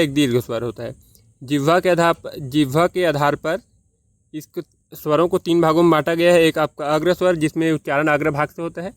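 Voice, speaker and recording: Man, exam-prep tutor, fairly high voice, smooth and clear, asks then answers his own questions, dry close recording. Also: dry recording. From Chhattisgarh, India. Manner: repeats key points as questions and answers them himself; slow and deliberate, spelling out sounds one by one. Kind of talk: explaining quiz answers.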